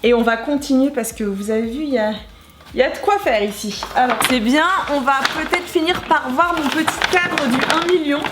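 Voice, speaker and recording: Here a woman in her thirties, a beauty vlogger, talks quickly in a high-pitched voice while unboxing beauty products. She chats casually and excitedly, raving about every item. Faint noise and an echoey room color the recording.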